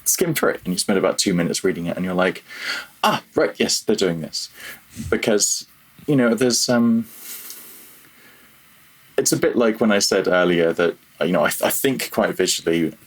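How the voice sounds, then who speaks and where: An audio programmer appears as a guest in a casual technical interview, speaking in a low, expressive voice at normal speed. He thinks aloud and often corrects himself mid-phrase, and the recording is rough.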